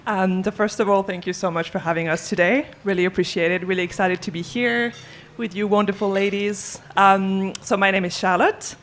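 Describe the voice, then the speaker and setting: A woman's voice: medium pitch, fairly even intonation, moderate pace, slight background noise. A woman from France speaking as a panel guest, friendly and a little hesitant, with many fillers. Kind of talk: live panel discussion.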